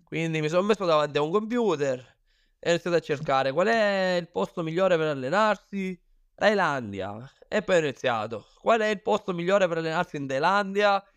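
A man's voice: a little high, clear, resonant tone, no echo. A man from Sicily with a Sicilian accent, a fighter speaking as an interview guest, telling stories casually in an informal, self-deprecating way. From Sicily, Italy. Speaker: interview guest, professional Muay Thai fighter. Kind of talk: casual first-person storytelling in an interview.

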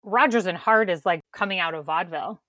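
A woman's voice: on the low side, fast talker, bright, forceful tone, dry recording, studio quality. A woman co-hosting a podcast, recapping a TV episode in casual, wry chat. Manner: wry, quotes characters in mocking voices. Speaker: podcast co-host.

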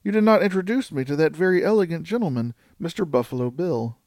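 A man's voice: a little high, lively intonation, quick pace, a little mellow, dry recording, studio quality, pitched above the performer's own voice, natural voice. A man voicing a fussy, talkative older spinster aunt who rambles in a prim, old-fashioned way.

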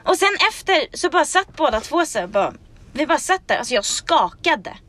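Lively high-pitched woman telling a story. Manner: animated, laughing, acts out dialogue. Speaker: podcast host. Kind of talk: casual storytelling chat.

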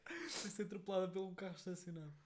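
A young man with a European Portuguese accent who talks fast in a joking, slangy podcast banter. His voice sits a bit high for a man. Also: steady tone. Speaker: podcast co-host. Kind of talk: casual chat.

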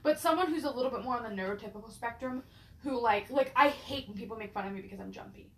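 Female co-host, casual chat, slightly high voice, swears freely, stammers, roomy echo. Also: fast.

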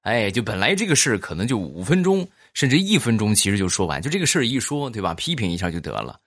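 A man's voice: lowish voice, sing-song, fast talker, a bit bright, no echo, studio quality. A man hosting a podcast, telling funny stories and reading listener comments while teasing his audience. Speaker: podcast host.

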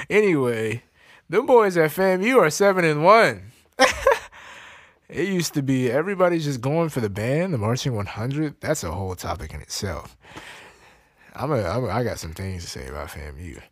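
Lively, slangy young man chatting. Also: fairly high pitch, no echo. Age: young adult. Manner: animated, slangy, laughs often. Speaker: podcast co-host. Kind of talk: casual chat.

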